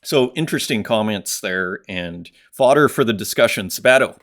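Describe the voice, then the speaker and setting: A man's voice: on the low side, lively intonation, normal speed, fairly bright tone. Rambling male podcast host. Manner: rambling, conversational, many fillers and restarts; reads comments aloud and reacts. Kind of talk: casual solo podcast commentary.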